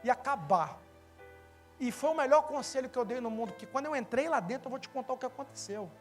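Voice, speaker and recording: A man with a Brazilian Portuguese accent preaching a sermon in church, telling a story animatedly and acting out the dialogue, rising to loud emphasis. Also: very high-pitched, animated, quick pace, soft background music. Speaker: pastor. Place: church, live sermon with slides.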